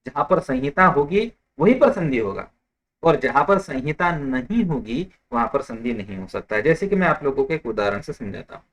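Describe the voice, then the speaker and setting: A man teaching a Sanskrit grammar lesson in a patient, explanatory way, repeating examples slowly and stopping to correct small slips. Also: medium pitch, sing-song, a bit bright. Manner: explanatory, slips and corrects himself, mixes English terms. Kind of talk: online lecture.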